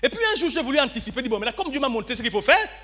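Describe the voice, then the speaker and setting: A man preaching a storytelling sermon in church, acting out dialogue and swinging between shouting and low murmurs. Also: big pitch swings, rapid-fire. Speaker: pastor.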